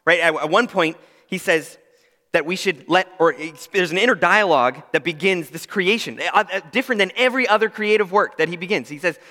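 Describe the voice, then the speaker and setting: Bright, forceful and high, this young man's voice moves briskly as he preaches with earnest emphasis, poking fun at himself along the way. He is a pastor, and a large hall gives the recording a long reverb.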